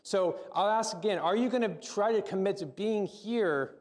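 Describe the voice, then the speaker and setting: A man's voice: sits high, normal speed. A man preaching a sermon and praying in a church service, speaking conversationally and often restarting and repeating words. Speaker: pastor. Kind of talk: sermon with spoken prayer. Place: church service, also live-streamed.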